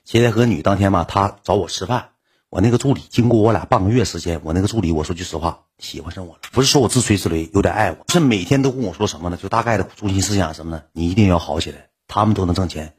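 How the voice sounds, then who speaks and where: A man's voice: low voice, racing. A man with a Northeastern Chinese accent who tells his own story to viewers in a blunt, colloquial way. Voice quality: very husky.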